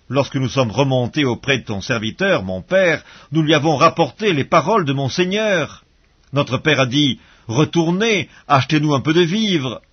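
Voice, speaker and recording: Husky man reading scripture, lo-fi. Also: mid-range voice. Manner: measured, solemn reading with pauses between phrases. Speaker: Bible reader. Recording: dull lo-fi audio recording.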